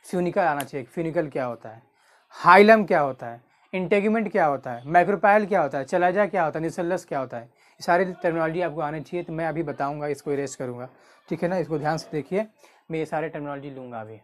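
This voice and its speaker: Guy teaching biology, keeps asking then answering himself, repeats terms slow. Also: fairly high pitch, fairly bright tone. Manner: repeats key terms slowly several times. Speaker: biology tutor. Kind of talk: exam-prep lecture.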